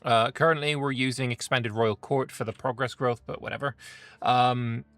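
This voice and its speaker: A man's voice: medium pitch, fairly even intonation, moderate pace, a bit bright, no room sound. A man streaming a strategy game, thinking aloud in an offhand way and reading the event text aloud.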